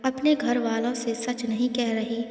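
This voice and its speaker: Wry grumbly young guy, woman reading him, slow, echoey. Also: fairly high pitch, little pitch movement, a little mellow, close to an everyday voice. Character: teasing stubborn young man. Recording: echoey room with long reverb.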